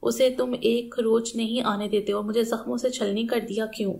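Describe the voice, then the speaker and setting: A woman's voice: a little high, steady tone, vocal fry, darkish tone. A woman reading the lines of a wronged young wife, accusing and pleading in an audiobook novel. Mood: anguished. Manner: pleading, reproachful questions.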